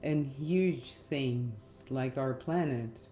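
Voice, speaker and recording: A middle-aged woman, a meditation guide and hypnotherapist, leads a reflective meditation very slowly, leaving gentle pauses between phrases. Her extremely low voice is soft-edged and mellow, set in a roomy echo over faint music.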